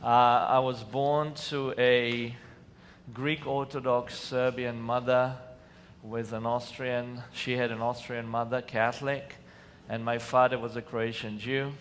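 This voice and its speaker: Flat in delivery and a little slow, a mid-range, slightly bright voice with an Israeli accent belongs to an Israeli conference speaker earnestly telling personal stories. He occasionally launches into emphatic bursts on a lit stage in a large hall, with distant hall reverb and faint room noise in the recording.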